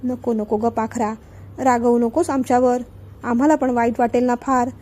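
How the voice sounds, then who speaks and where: A woman reading the lines of a gentle, doting young father in a storybook reading. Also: sits high, fairly even intonation, moderate pace. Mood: tender. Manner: soft coaxing tone.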